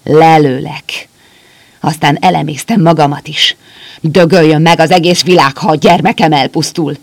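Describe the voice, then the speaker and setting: A man voicing an old, desperate soldier and father who pleads in a halting, breathless way. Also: fairly high pitch, gravelly. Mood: threatening.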